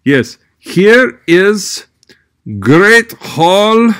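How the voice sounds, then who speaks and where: A man voicing a pompous sock puppet king in goofy, halting broken English for a comic puppet show. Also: sits high, animated, a bit bright, smooth, no room sound, clean studio sound, heavily acted. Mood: grand, welcoming.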